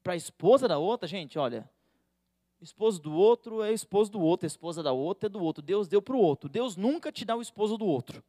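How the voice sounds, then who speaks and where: A man's voice: high-pitched, animated, brisk, warm tone, dry recording, clean studio sound. A Brazilian man, a pastor, preaching a sermon with a humorous, teasing manner and acting out the voices he quotes. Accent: Brazilian Portuguese.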